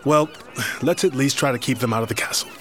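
A man voicing a dutiful middle-aged army general who speaks in a measured, formal way in an audio drama. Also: mid-range voice, background noise, natural voice. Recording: studio audio drama with music.

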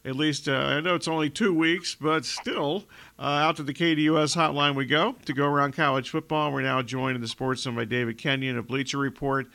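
A male radio sports host speaking into a studio mic, his voice bright and a little higher than most men's. He sets up questions in an easygoing way and laughs off his own verbal slips. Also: fairly quick, creaky. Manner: relaxed, jokes at his own slip. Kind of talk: radio talk show hosting.

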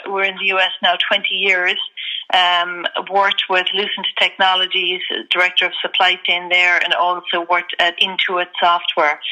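A woman in her fifties answering interview questions in a measured, thoughtful way, often pausing to gather her thoughts. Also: on the low side, bright, forceful tone, rough recording. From Ireland. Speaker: guest executive.

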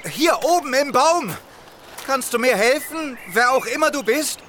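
A man's voice: very high voice, expressive, normal speed, sharp tone, a little hiss or hum, exaggerated voice. A man voicing a boy turned ninja who is stuck in a tree, in a children's audio drama, hesitant and full of fillers.

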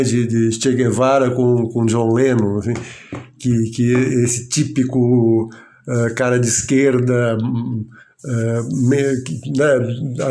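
Halting older Brazilian man recalling a story. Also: medium pitch, darkish tone. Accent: Brazilian Portuguese. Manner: halting, many restarts and fillers. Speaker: writer telling a memory. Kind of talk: casual storytelling.

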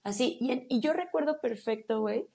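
A woman with a Mexican accent, a podcast guest telling a personal story in a casual, animated and slangy way. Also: on the high side, a little fast, gravelly. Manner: animated, slangy, acts out her own quotes.

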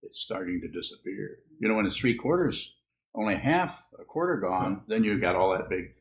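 A man with a low, gravelly voice gives a Buddhist talk in a loose, rambling way, often restarting his sentences. There is faint noise behind him. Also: very animated, moderate pace, rough recording. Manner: rambling, restarts, gentle chuckles. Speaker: Buddhist teacher. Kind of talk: dharma talk with questions.

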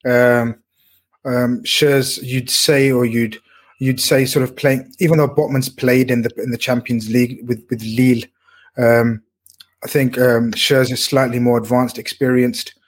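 A man's voice: medium pitch, flat delivery, a little slow. Hesitant man giving football punditry. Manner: hesitant, repeats words while weighing his view. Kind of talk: casual sports discussion.

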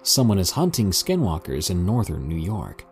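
A man's voice: sits low, wildly swooping pitch, moderate pace, a little mellow, faint music behind. A man hosting and reading scripted material in the manner of a storyteller. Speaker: host and narrator of listener-submitted scary stories.

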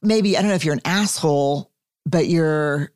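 A woman's voice: sits low, normal speed, darkish tone, no echo, studio quality. A woman podcast host talking casually and candidly, with a frank, reflective manner.

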